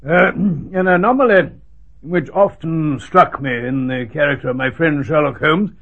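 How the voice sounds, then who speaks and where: An actor playing a fussy, exasperated English army doctor in a radio drama, with a husky voice. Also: male voice, on the high side, a little slow, phone-quality sound. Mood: wry narration.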